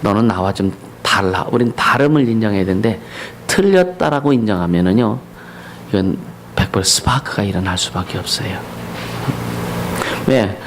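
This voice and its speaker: Gravelly Korean pastor preaching. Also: male voice, animated, normal speed, a little hiss or hum, rough recording. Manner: preaching with call-and-response questions to the congregation; loud, high declamation when reciting scripture and slogans. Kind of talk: sermon. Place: church sanctuary.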